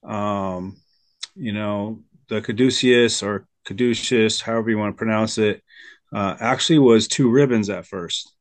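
A man's voice: fairly low pitch, unhurried, dry recording. A man hosting a casual video-call discussion, talking hesitantly with lots of fillers. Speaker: host.

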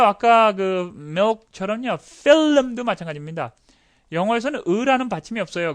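A fairly high-voiced man teaching a recorded pronunciation lesson. He gets excited, repeats each word many times with exaggerated mouth sounds, and chuckles at himself. He is heard close up on a desk microphone. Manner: animated, drills words over and over with exaggerated sounds; excitable, laughs at himself and apologizes.

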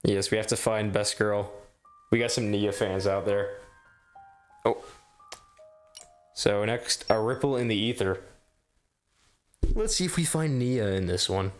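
A man's voice: lowish voice, unhurried, long pauses, faint music behind. A man streaming and joking through game cutscenes in a rambling way, with game audio behind him. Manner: rambling, joking, lots of filler "like". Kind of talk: casual live-stream commentary over game cutscenes.

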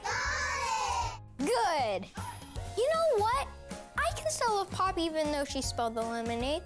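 A performer voicing an excitable young puppet character in a children's church lesson, eagerly asking the kids to answer back, with music underneath. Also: very high-pitched, measured pace, full character voice. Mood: cheerful.

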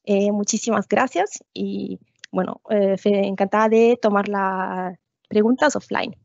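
A woman's voice: medium pitch, fairly even intonation, unhurried, vocal fry, darkish tone, no echo. A woman giving a business webinar presentation over a video call, hesitantly searching for her words. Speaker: guest presenter, account executive. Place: indoor video call, seated at webcam. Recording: muffled video-call audio.

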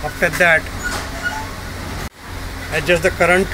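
Slow man demonstrating a machine. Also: a little high, little pitch movement. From India. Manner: slow, deliberate step-by-step instructions. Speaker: product demonstrator. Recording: noisy workshop recording.

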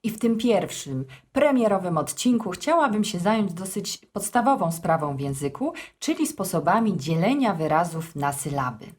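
A woman explaining grammar rules in a formal, measured way with touches of dry humour. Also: lowish voice, sing-song, a little mellow, husky. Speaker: text editor hosting a language series. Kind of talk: scripted language lesson.

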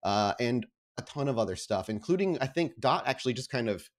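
Hosting and running a tabletop roleplaying show as game master, a man makes casual announcements before moving into narrating the game. He sounds informal and enthusiastic, with a medium-pitched, expressive voice and a slightly fast pace.

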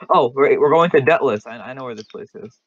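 A man's voice: mid-range voice, fairly quick, no echo. Casual male gamer on a dull mic. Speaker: co-player. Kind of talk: casual gaming chat. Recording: muffled lo-fi mic, keyboard clicks.

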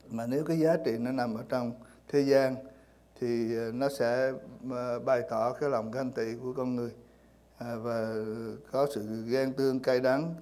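A man preaches to his congregation in a mellow, warm voice, pausing often on fillers and repeating words as he searches for the next phrase. His delivery is unhurried and plain, the pitch sitting in an ordinary middle range. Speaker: pastor. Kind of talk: sermon. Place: church.

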